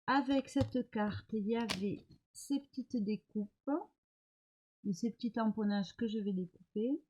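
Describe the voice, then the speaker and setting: A middle-aged woman vlogger showing crafts she got in the mail, talking hesitantly with many pauses while recovering from an illness. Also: a little high, a little mellow, breathy edge, poor audio. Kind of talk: casual show-and-tell of mail.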